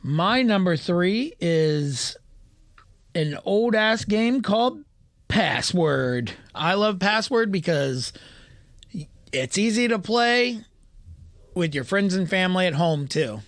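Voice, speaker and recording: Guy in his 30s on a podcast, high voice that jumps all over, laughs a lot, swears, dry close sound. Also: slow pace, no echo. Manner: laughing, swearing, animated ranking banter. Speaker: podcast co-host. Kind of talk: casual chat.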